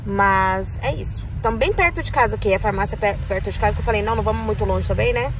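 A woman's voice: medium pitch, quick pace, noisy background. A tired young woman, a new mother, chatting casually to her viewers in a vlog in a tender, talkative way. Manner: chatty, tender, often says "gente" and "meu Deus".

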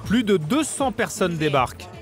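A man's voice: high-pitched, very animated, normal speed. A man narrating a documentary report in a scripted voice-over, over a music bed.

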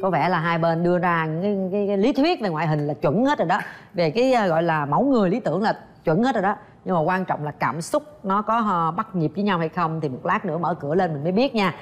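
A woman's voice: lowish voice, lively intonation, lo-fi sound. A woman hosting a dating show, playful and chatty, joking with the guests. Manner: teasing, chatty, quick to joke. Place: studio set of a dating show.

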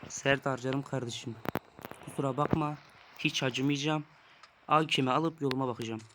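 A man's voice: medium pitch, steady tone, moderate pace, very noisy. Young man ranting over a mobile game. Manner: exasperated, ranting about dying. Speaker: gaming YouTuber. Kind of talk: casual gameplay commentary.

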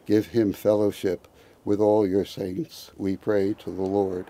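A man, a priest, reciting committal prayers at a graveside in a measured, liturgical way. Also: lowish voice, little pitch movement, warm tone, poor audio.

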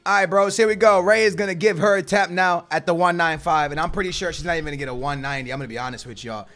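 A young man hosting a gaming video, commentating casually in a slangy, teasing, animated way. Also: fairly high pitch, racing. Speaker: gaming channel host. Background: faint background music.

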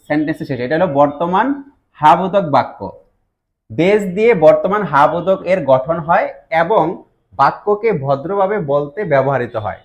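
Bangladeshi man patiently teaching grammar. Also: a little high. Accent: Bangladeshi Bengali. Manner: patient, step-by-step explanation with rhetorical questions. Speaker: Japanese language teacher. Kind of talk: explaining grammar lesson.

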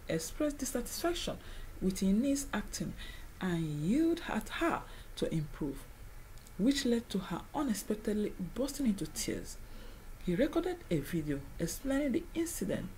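A woman's voice: medium pitch, warm tone, a little hiss or hum, rough recording. A woman narrating a scripted entertainment news report. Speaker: news presenter.

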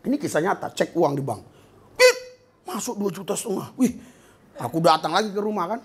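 Animated preaching man, big swings in loudness. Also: a little fast, breathy edge. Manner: animated preaching, swings between loud bursts and low asides, laughs often. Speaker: pastor. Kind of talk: lively sermon. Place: small church.

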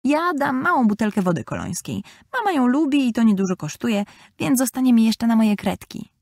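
A woman's voice: very animated, a little fast, a little mellow, no room sound, clean studio sound. A prissy, vain little girl with a raised, affected voice, read by a woman. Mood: eager. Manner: high, affected girlish voice. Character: youngest sister, girl, vain and prim.

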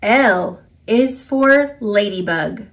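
For an audience of toddlers, an American woman reads an alphabet picture book in an animated, mid-range voice. She enunciates plainly and deliberately.

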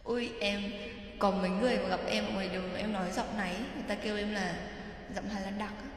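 A woman's voice: medium pitch, steady tone, fast, a little hiss or hum. Joking woman in an echoey room. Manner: teasing, joking banter. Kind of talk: casual chat. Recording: echoey room with faint music.

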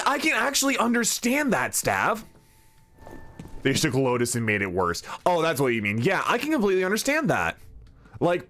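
A man streaming a video game, commenting casually in a joking, swearing, animated way. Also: medium pitch.

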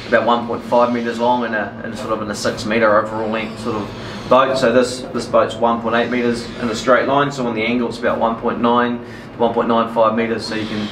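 A man in his thirties with a New Zealand accent casually explains technical details in a plain-spoken way, as a boat builder showing his product. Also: fairly bright tone. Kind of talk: casual product walk-through. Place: outdoors in a yard beside a metal boat. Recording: outdoor noise, distant mic, vehicle rumble.

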